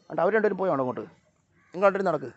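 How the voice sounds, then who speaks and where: A man with a slightly higher voice walks his yard filming his pets for a home vlog, his talk a little dull and lo-fi from the phone. He chats quietly to the viewer, then raises his voice sharply to shoo or call the animals. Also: expressive, very fast. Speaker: vlogger. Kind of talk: casual vlog narration to camera while feeding pets. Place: outdoors around a rural house yard.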